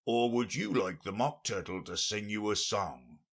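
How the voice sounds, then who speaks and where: A man voicing a brusque, bossy, easily offended beast in a storybook, with a curt, gruff manner. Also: on the low side, unhurried. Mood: brisk.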